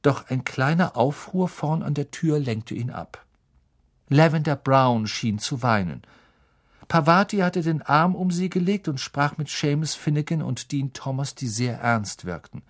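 A man reading a children's fantasy audiobook in lively, expressive narration. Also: on the high side, measured pace. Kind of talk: scripted narration.

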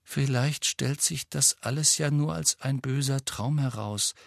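A man voicing a tired, gloomy teenage girl in a storybook, speaking quietly and wearily. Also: medium pitch, a little slow, vocal fry, no echo, pitched above the performer's own voice. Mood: weary.

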